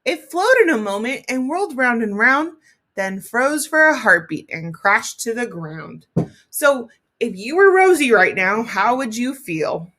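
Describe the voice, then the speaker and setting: A woman teacher reads a story aloud to children with lots of expression, stopping to explain it and speak directly to her young audience. Her voice sits on the high side with a fairly bright tone.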